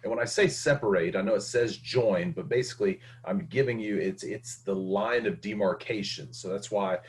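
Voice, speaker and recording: Man lecturing on anatomy, lowish voice. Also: normal speed. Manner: explanatory, many fillers and restarts. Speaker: anatomy instructor. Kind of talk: recorded lecture.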